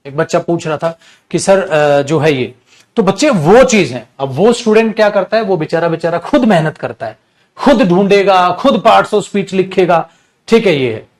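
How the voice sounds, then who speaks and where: A man teaching an online English class in a high-pitched voice. He talks to his students fondly as children and repeats every point in lists. His tone swings between patient coaxing and sharp scolding. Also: animated, moderate pace. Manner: repetitive, list-like explaining.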